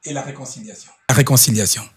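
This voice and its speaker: Husky earnest man, halting speech. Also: medium pitch, fairly even intonation. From Belgium. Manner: halting, repeats words while searching for them. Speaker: guest, association representative. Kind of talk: earnest testimony in a talk show interview.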